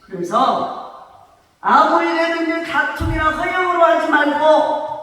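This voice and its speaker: An older woman pastor preaching a sermon, emphatic and conversational, at times rising to shouts and drawing call-and-response from her congregation. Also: sits high. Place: church sanctuary. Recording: echoey church hall, voice from far off.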